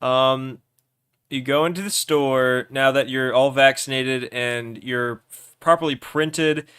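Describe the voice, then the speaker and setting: A young man hosting a livestream, loudly and teasingly narrating an improvised role-play game and often restarting his words. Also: medium pitch, smooth, no echo, clean studio sound.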